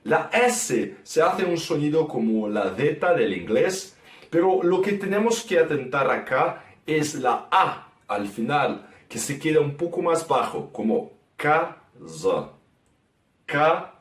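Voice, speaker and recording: A man with a Brazilian Portuguese accent, a native Portuguese speaker, slowly teaching vowel sounds and repeating example words. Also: on the high side, sing-song, echoey room, distant mic. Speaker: guest teacher. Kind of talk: language lesson.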